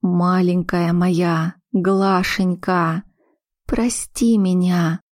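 A woman voicing an aging, remorseful mother who is a queen, speaking slowly and heavily in an audiobook. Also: fairly low pitch, fairly even intonation, a little mellow, dry recording, studio quality. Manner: slow, heavy, measured speech. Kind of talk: audiobook character reading.

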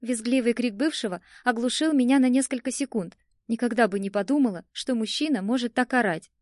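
A woman narrating a first-person audiobook in a lively, expressive storytelling manner. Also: a little high, fairly quick, no echo, clean studio sound.

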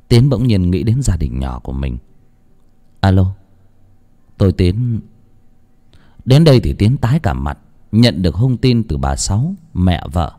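A male audiobook narrator tells the story in a low, warm voice. His delivery is expressive and animated, and he lingers on phrases for drama. Faint music plays beneath him.

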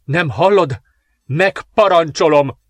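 A man voicing a desperate young princess in labor, shrill and commanding. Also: fairly bright tone, no echo.

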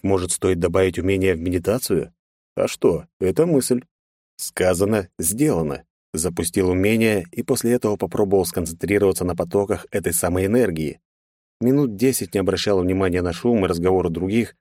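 A man narrating a first-person fantasy story in an even, storytelling manner. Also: low-pitched, fairly quick, dry recording, clean studio sound. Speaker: audiobook narrator.

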